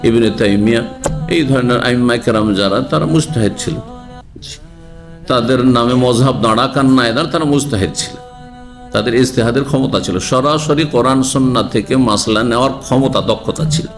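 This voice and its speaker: A man delivers a religious lecture, steady and explanatory, in a medium-pitched voice. He keeps turning to his listeners with rhetorical questions. Faint background music runs under his voice. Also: a little fast. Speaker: Islamic scholar giving a lecture.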